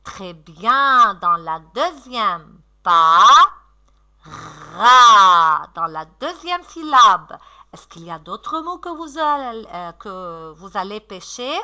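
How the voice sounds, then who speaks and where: Slow, lively-voiced woman teaching children. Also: medium pitch. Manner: slow, sing-song and encouraging, stretching out words. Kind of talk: recorded lesson for young children.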